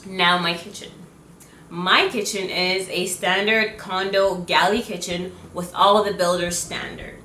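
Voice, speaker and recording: A woman's voice: fairly low pitch, steady tone, unhurried, bright, forceful tone, slight background noise. A young adult woman talking in a chatty vlogger style, explaining home DIY projects directly to her viewers. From lives in Canada. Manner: chatty, instructional, addressing viewers.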